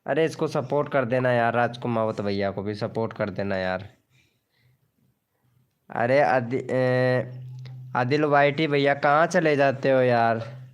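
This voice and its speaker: Slow, smooth-voiced man hosting. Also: mid-range voice. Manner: chatty, greets viewers by name and reads out chat. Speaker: live stream host. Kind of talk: casual live-stream chat.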